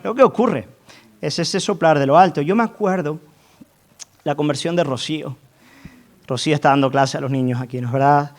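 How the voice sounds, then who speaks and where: A male pastor delivers a fervent sermon in a fairly high voice. He builds to emphatic peaks, asks his congregation for agreement, and often restarts and repeats his words. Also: moderate pace, long pauses.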